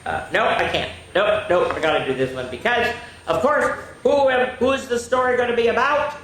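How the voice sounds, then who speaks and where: Reading picture books at children's story time, a woman performs them playfully and expressively, chatting now and then with her young audience. Her voice is fairly high and slightly bright, with lively intonation at a normal speed. The room is very echoey, with faint noise.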